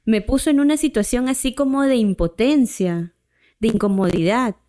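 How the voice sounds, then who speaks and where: Smooth-voiced woman telling a story. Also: fairly high pitch, normal speed, mellow. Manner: chatty, tags sentences with "¿no?". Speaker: podcast host. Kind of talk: casual storytelling.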